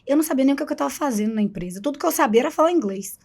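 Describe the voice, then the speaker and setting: A woman's voice: sits high, lively intonation, very fast, a little mellow. A woman who teaches English, chatting on a podcast and making her points with emphasis. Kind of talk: casual podcast chat.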